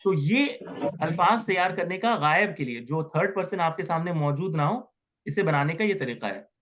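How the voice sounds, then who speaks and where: A man's voice: a little high, lively intonation, normal speed, a bit bright, muffled recording. A man teaching Arabic grammar in an online class, patiently repeating words and asking students questions.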